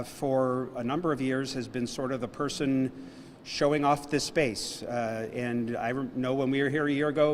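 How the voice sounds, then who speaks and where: A man's voice: mid-range voice, big-room sound, slight background noise. A man, a civic official acting as emcee, closing a ceremony speech in an informal, joking, rambling way. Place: large indoor hall.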